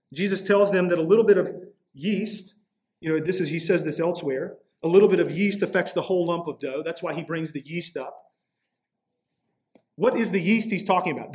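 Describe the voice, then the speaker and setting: A man preaching a sermon as pastor, earnest and emphatic. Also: on the high side.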